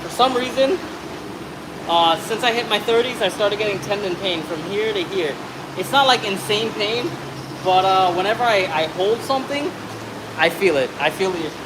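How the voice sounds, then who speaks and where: A man's voice: high voice, expressive, normal speed, background noise. A man in his thirties, an auto mechanic talking casually and ramblingly through a brake job in a shop, swearing now and then. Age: 30s. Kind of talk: casual how-to narration while working. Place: auto shop with a truck on a hoist.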